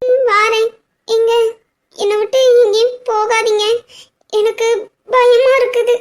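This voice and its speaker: A woman's voice: extremely high pitch, flat delivery, measured pace. A woman voicing a timid young wife in a family cartoon, speaking in an anxious, pleading way. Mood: scared. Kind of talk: cartoon voice acting.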